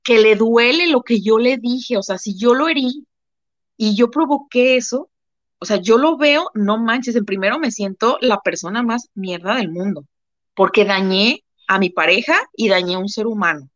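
A woman's voice: on the high side, moderate pace, no echo. Woman, Mexican Spanish accent, casual live co-host, emphatic repetitions, dull dry recording. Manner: emphatic, repeats phrases for effect. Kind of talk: casual live-stream chat.

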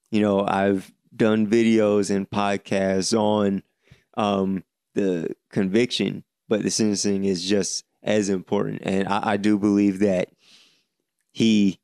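A man in his late twenties hosting a solo podcast, speaking earnestly with many halting restarts. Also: fairly low pitch, darkish tone, clean tone, dry recording, clean studio sound. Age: 20s. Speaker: podcast host.

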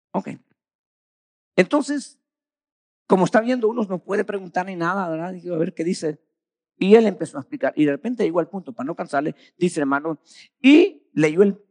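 A male preacher in full sermon flow, voice set a little high and leaping up and down in pitch. He swings between loud bursts and near-whispered drops, with a dry, close sound. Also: dry recording. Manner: animated storytelling with frequent "hermano".

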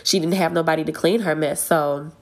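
Give me a woman with a slightly low voice delivering a blunt, profane vlog rant. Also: steady tone, fairly quick. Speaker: vlogger. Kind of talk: casual rant to camera.

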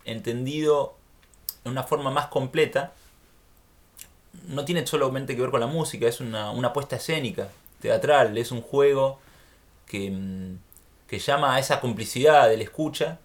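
An Argentine man talks in a casual, reflective chat, laughing easily between thoughts. His voice sits at an ordinary middle pitch. He sounds unhurried. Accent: Argentine Spanish.

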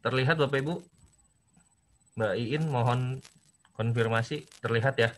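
A man's voice: mid-range voice, steady tone, normal speed. A man presenting at an online seminar, his voice muffled through a face mask. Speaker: presenter, university library head. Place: online video meeting.

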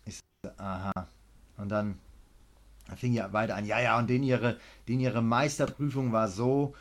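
A man's voice: mid-range voice, fairly even intonation, moderate pace. A man who coaches martial arts, telling a story casually in a podcast interview, acting out both sides and swearing freely. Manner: gets loud when worked up.

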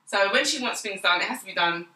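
A middle-aged woman chats hesitantly and laughs as she tells stories. Her voice sounds very bright and carries a roomy echo. She sits a little away from the mic. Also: medium pitch, quick pace, slight background noise. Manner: hesitant, laughs, animated retelling. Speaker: guest, host's mother. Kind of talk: casual chat. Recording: echoey, a bit far from the mic.

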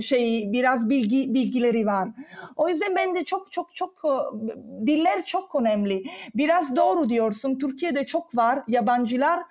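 High-pitched foreign woman, halting broken Turkish. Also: darkish tone. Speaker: interview guest. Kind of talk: casual conversational interview.

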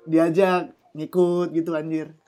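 A man's voice: fairly high pitch, little pitch movement, takes it slowly, a little mellow, faint music behind. A young man from Java in a casual chat, speaking thick with slang and casual swearing. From Java, Indonesia.

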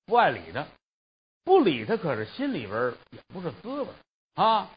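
A man telling a traditional story in a lively, colloquial way, with asides to the audience. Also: on the high side, moderate pace, breathy edge, highs cut off. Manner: animated, colloquial, conversational asides.

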